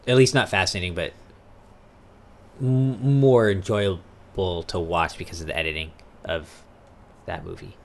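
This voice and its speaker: A man's voice: low-pitched, unhurried, vocal fry, long pauses. A man co-hosting a casual movie podcast, hesitant, trailing off and filling with "like" and "I don't know". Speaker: podcast co-host. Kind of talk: casual film chat.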